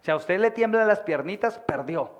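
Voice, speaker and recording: Man, lively sermon delivery, projected voice, higher pitched, church meeting. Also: moderate pace. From Colombia. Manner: animated, acts out voices of people in stories; projects his voice from the diaphragm. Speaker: pastor.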